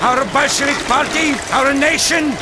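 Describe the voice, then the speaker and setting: An actor playing a merciless, fanatical Soviet commissar, declaiming commands to troops in a war game. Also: male voice, very high-pitched, steady tone, normal speed, over a noisy crowd. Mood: stern. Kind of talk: wartime oratory in a video game. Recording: very loud music and battle noise.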